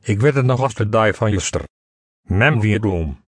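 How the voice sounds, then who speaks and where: A man voicing a gentle, caring man who speaks softly and pleadingly in a read-aloud story. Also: on the low side, lively intonation, normal speed, husky, no echo. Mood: fond.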